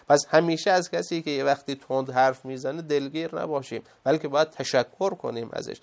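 A man's voice: fairly high pitch, darkish tone. A man giving a moral lecture as a religious speaker, emphatic and full of rhetorical questions.

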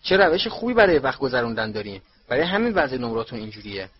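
A man's voice: fairly high pitch, sing-song. A man voicing a strict middle-aged mother who scolds her sons in a storybook reading. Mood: scolding. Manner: scolding, loud. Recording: dull lo-fi recording.

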